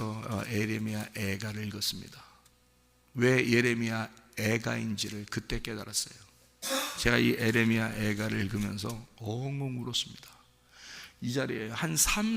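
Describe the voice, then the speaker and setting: Gravelly-voiced pastor preaching in a hall. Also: male voice, medium pitch. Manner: emotional, rising to fervent shouting. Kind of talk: sermon. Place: church sanctuary. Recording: long hall reverb.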